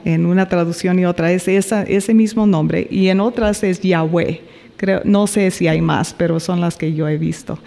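A man with a high voice leads an informal Bible class, reading passages and asking the group questions as he goes. The room has a long, lingering reverb behind his voice. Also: a little mellow. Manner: asks the group questions, pauses and self-corrects. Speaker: Bible study teacher.

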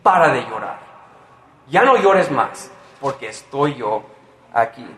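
A man performs a bold, self-assured Jesus who calms the mourners with emphatic confidence. The voice sits at an ordinary male pitch. It rings with the echo of a large room. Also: slow pace, a little hiss or hum.

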